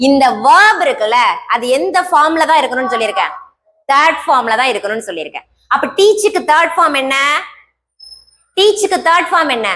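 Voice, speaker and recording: A woman's voice: high-pitched, pushed and bright, a little hiss or hum. A woman teacher with a Tamil accent giving a classroom grammar lesson, quizzing students and repeating key terms, answering her own questions. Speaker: English teacher.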